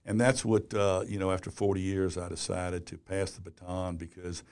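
A gravelly older man in his sixties, a publisher looking back on his career in an easygoing interview. His voice sits fairly low, and he rambles loosely, filling the gaps with "you know". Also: level tone, normal speed, darkish tone. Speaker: business publisher and columnist. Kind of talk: casual interview talk.

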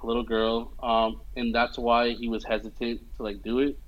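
In a casual conversation, a young movie fan lays out a film's scenes one by one, animated, stuffed with fillers, and checking in with "you know what I mean." His voice is mid-range at a moderate pace, heard through dull audio.

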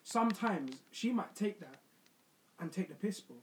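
A man's voice: high-pitched, animated, normal speed, slight background noise, poor audio. A young man with a London street accent, talking casually with friends as a co-host in roadman-style slang. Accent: London multicultural street slang. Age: young adult. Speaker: podcast co-host. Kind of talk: casual banter between friends.

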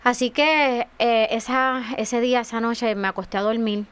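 A woman's voice: on the high side, steady tone, moderate pace, fairly bright tone, clear, resonant tone. A woman, a guest telling an emotional personal testimony on a radio talk show, with many fillers. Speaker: guest author and speaker.

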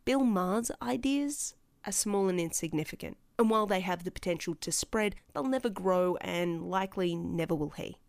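A woman's voice: fairly low pitch, normal speed, vocal fry, dry recording. Impassioned, sardonic woman podcaster. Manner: addresses listener as player two. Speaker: podcast host. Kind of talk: scripted monologue.

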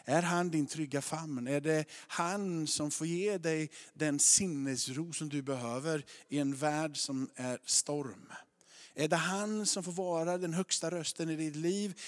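A man in his thirties preaching a sermon, telling lively personal stories and acting out the voices of his family. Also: a little high. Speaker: pastor.

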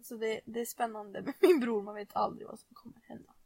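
Young woman, podcast co-host, high voice, dry close recording, lively laughing storyteller. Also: no room sound. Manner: animated storyteller, laughing, swearing. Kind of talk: casual chat.

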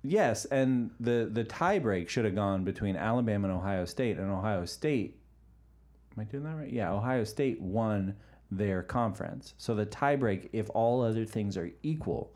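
A man's voice: on the low side, lively intonation, moderate pace, a little mellow. Laughing man talking college football. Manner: laughs often, talks through stats. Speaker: podcast co-host. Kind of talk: casual sports chat.

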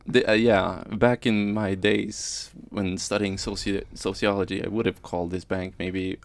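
Creaky low-voiced man chatting casually. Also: flat delivery, a little slow. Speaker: podcast co-host. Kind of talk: casual chat.

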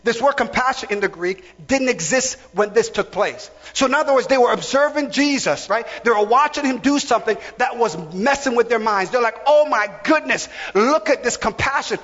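A man's voice: very high voice, animated, fairly quick, few pauses, fairly bright tone, long reverb tail, dull audio. A man preaching a sermon to a congregation, building to emphatic repeated lines.

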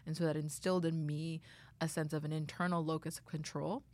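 Low-pitched woman from Canada, articulate. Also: level tone, darkish tone. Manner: measured, articulate. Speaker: guest, tech leader and former attorney. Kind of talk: studio interview. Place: studio.

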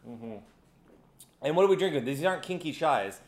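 A man's voice: on the high side, expressive, fairly quick, a little mellow. A young man co-hosting a casual podcast, joking around and swearing freely. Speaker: podcast co-host. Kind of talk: casual chat.

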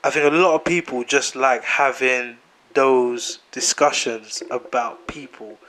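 A man chatting casually on a podcast, animated and slangy, repeating himself for emphasis. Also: medium pitch, unhurried. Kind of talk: casual chat.

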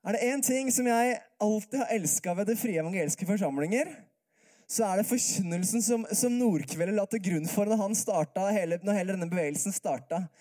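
A man preaching a sermon in a calm, conversational way, often putting rhetorical questions to the congregation. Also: high voice.

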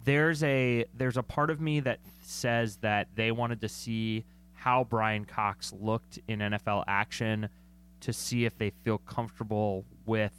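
A man's voice: fairly low pitch, flat delivery, unhurried, fairly bright tone, clean tone. A man co-hosting a sports talk show, analyzing football in a chatty, joking way and often correcting himself mid-sentence. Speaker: sports podcast co-host.

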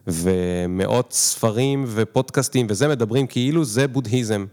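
A man's voice: mid-range voice, darkish tone. A man hosting a podcast, asking long, searching questions and playing down his own knowledge. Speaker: podcast host. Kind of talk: interview questions.

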